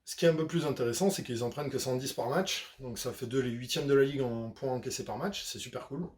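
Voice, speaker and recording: A young man, casually analyzing a basketball team, slangy and animated with lots of fillers and self-corrections. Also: mid-range voice, quick pace. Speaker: basketball video host.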